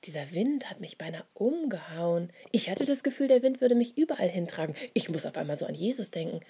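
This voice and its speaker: A woman reading a children's Bible story in a soft, often half-whispered voice. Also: on the low side, lively intonation, a little fast, breathy edge.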